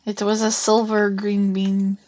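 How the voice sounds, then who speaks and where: A young woman with a medium-pitched voice chats easily while she plays, narrating every step of her game out loud. Now and then she hums or murmurs quietly to herself between remarks. The tone stays loose and unscripted, like a friendly live stream. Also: monotone, measured pace. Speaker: streamer playing a farming game. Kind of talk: casual live-stream chat.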